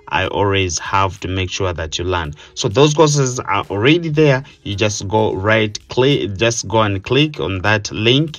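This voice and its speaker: Low-voiced man hosting a hair tutorial. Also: fairly bright tone, no room sound. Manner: halting, repeats words, many fillers. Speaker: hairstylist and instructor. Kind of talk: hair tutorial with channel promotion.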